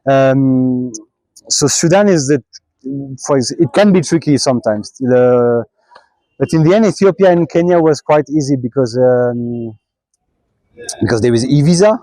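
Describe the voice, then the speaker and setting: A young man, a cyclist answering questions in a relaxed interview, pausing and restarting often. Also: mid-range voice, dry recording, low-quality recording. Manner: halting, many restarts and fillers. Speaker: traveling cyclist.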